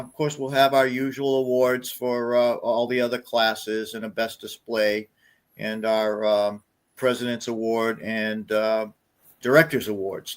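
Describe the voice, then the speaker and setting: A man guest on a podcast, talking casually with many pauses and fillers. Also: medium pitch. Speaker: snowmobile club guest. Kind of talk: casual chat.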